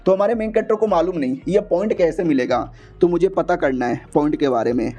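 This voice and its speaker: A man casually retelling a comic story in a chatty, slangy, joking way, slipping into quick voices for the characters. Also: a little high, warm tone, soft background music. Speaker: manhua recap narrator.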